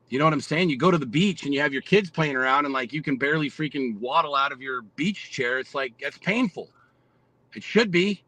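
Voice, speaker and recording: A man's voice: fairly high pitch, bright, forceful tone, no room sound, rough recording. A man in his forties, a podcast guest, talking bluntly and with lots of profanity in a fired-up, motivational way. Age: 40s. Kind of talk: casual podcast conversation.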